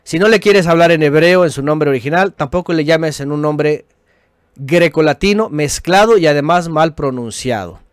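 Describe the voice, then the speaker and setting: A middle-aged man with a Mexican Spanish accent hosts a religious teaching stream, talking in a lively, teasing way and laughing with his viewers. His voice sits a little high for a man. The sound is close and dry, with no room echo. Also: moderate pace, smooth. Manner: animated, mocking imitations of opponents, frequent tag questions; laughs often, joking with viewers. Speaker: religious podcast host. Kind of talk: live-streamed teaching talk with chat.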